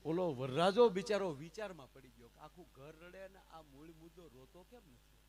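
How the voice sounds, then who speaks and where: A man's voice: a little high, normal speed, darkish tone. A man with a Kathiyawadi Gujarati accent, telling folk stories and jokes on a live stage, chatting with and addressing the audience directly. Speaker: folk storyteller and comedian.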